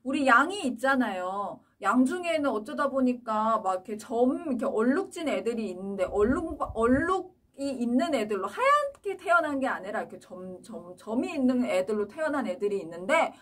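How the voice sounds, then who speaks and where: A woman's voice: on the high side, very animated, normal speed, hardly any pauses, far from the mic. A woman voicing an earnest, indignant young man in a Bible story told to children.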